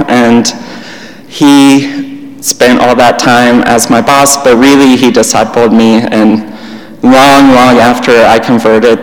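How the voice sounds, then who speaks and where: A young church speaker teaches in a hall, his medium-pitched voice monotone with little variation. Unhurried and plain, he stops and starts as he goes, and a long reverb rings behind everything he says.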